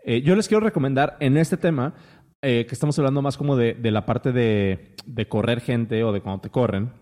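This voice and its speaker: A man's voice: medium pitch, moderate pace, mellow, big-room sound. A man with a Mexican accent hosting a casual podcast chat, rambling with many restarts and fillers. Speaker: podcast host.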